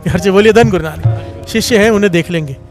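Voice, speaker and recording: A fast-talking man preaches a devotional sermon, telling a story in half-sung phrases and calling on the congregation to respond, his pitch swelling when he's moved. Faint music plays behind him.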